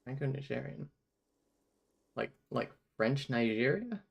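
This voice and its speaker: A streamer in casual let's-play commentary, playfully reading dialogue choices aloud. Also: male voice, medium pitch, fairly quick, gravelly, lo-fi sound.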